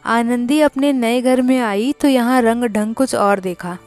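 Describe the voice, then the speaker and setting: A woman narrating a classic short story as a storyteller, with a measured, deliberate reading. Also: fairly high pitch, darkish tone, faint music behind.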